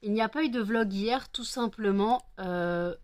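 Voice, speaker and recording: A woman's voice: mid-range voice, measured pace, darkish tone, dry recording. A woman vlogging casually, chatty and full of hesitations, who sounds tired. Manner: chatty, many hesitations, scolding pets affectionately. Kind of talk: casual vlog chat.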